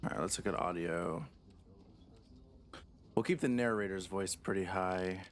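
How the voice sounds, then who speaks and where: A man's voice: low-pitched, a little slow. A man casually commentating a live game stream, rambling and thinking aloud as he talks to his viewers.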